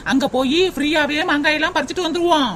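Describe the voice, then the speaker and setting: A woman's voice: high voice, fairly even intonation, fairly bright tone, slight background noise. A woman voicing an eager, scheming young woman in a cartoon, coaxing. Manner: quick, coaxing. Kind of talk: cartoon voice acting.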